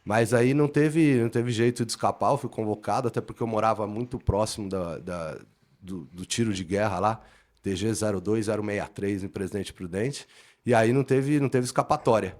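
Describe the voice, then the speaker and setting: A man's voice: lowish voice, brisk, darkish tone. A middle-aged man from inland São state, a police officer guesting on a podcast, telling his story earnestly and formally, often repeating words as he thinks. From interior of São Paulo state, Brazil. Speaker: police lieutenant colonel, guest.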